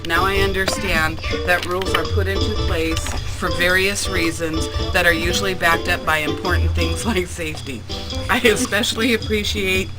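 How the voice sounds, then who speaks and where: Her voice is on the low side, steady and moderately paced, as she reads a personal essay in a school classroom. The teacher is amused and frequently bursts into laughter, while music plays and the audio quality is poor.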